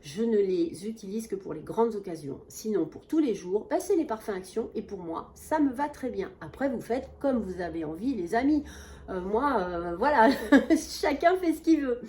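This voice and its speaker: A chatty, enthusiastic woman talks straight to camera in a casual home vlog, voice at a middle pitch. She stops and restarts often and keeps calling her viewers friends, with a faint hum of ambience behind her. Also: lively intonation, normal speed, dark tone. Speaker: beauty vlogger. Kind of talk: casual product review vlog. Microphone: camera mic at a small table.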